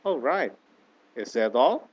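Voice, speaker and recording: A man's voice: medium pitch, big pitch swings, slow pace, husky, muffled recording, heavily acted. A man reading the part of a friendly grocer in a textbook dialog, reading each line carefully to model intonation. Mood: polite. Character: friendly male grocer serving a customer.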